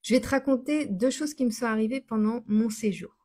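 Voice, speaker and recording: A woman hosts her own daily live stream, chatting casually and answering viewers as she goes, laughing often and frequently restarting and correcting her sentences. Her voice is on the high side, fairly quick, dark in tone, and slightly rough.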